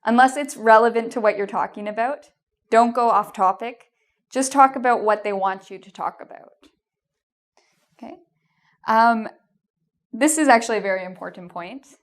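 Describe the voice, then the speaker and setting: A Canadian-accented woman teaches an English exam lesson in a video full of tips, her voice on the high side, her pace moderate with long pauses. She sounds encouraging and reassuring, often saying "um" and checking in with "okay?"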